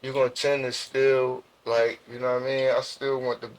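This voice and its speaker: Young Jersey City man, street slang, halting delivery, interview guest. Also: medium pitch, level tone, rough recording. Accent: New Jersey. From Jersey City, USA. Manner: slangy, halting with many restarts and fillers. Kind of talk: casual storytelling interview.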